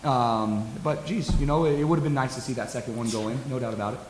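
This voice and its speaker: A middle-aged American man speaks as a coach in a post-game interview, halting and repeating words as he reasons. His voice sits at an average pitch in an echoey hall, with some hiss behind it. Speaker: college soccer head coach. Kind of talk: post-game interview answers at a press table. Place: press conference table with backdrop. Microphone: table stand microphone.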